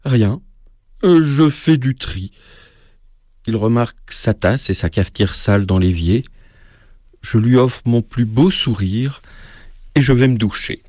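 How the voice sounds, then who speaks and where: A man's voice: mid-range voice, a little slow, long pauses, dry recording, clean studio sound. Man reading a frantic literary excerpt. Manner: expressive, rhythmic, rising to frantic. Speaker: reader of a book excerpt.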